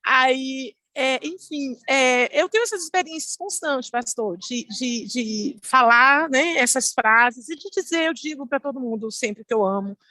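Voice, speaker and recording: A woman's voice: high-pitched, measured pace, few pauses, no room sound. A Brazilian woman telling a heartfelt church testimony to her pastor, acting out the people she quotes. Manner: animated storytelling, voicing the people she quotes. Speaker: church member sharing a testimony. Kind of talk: emotional testimony on a call. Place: at home.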